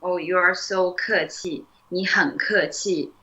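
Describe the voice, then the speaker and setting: Young woman teaching, slow and bright. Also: fairly low pitch, fairly even intonation, highs cut off. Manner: patient, explains with many "like" and "um" fillers, models words slowly. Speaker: Chinese teacher. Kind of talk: relaxed one-on-one language lesson.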